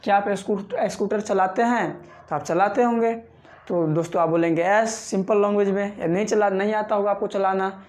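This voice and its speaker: A man from Bihar, teaching a spoken English lesson. He repeats example sentences slowly and keeps checking in with viewers as friends. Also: high voice, a little mellow. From Bihar, India. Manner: repetitive drilling, reads example sentences slowly.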